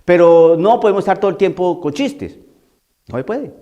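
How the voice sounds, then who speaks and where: A priest giving an emphatic homily, repeating key phrases and asking rhetorical questions. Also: male voice, high-pitched, animated, normal speed, dark tone, dull audio.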